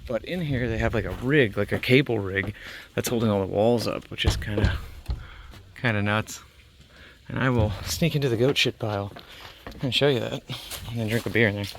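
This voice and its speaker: Filming a casual walk-and-talk vlog on a handheld camera, a young man explores a deserted film set, outside and within an empty building, speaking loosely with lots of fillers and offhand cursing. His voice is lowish at a normal speed, and there's a little hiss or hum.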